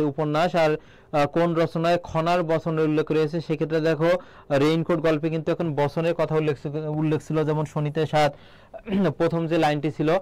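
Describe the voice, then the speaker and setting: A man from Bangladesh gives an exam-prep lesson, firing off a question, then repeating the answer so it sticks. His voice sits a little high for a man. The recording is dry and close. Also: a little mellow, smooth, no echo. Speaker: teacher.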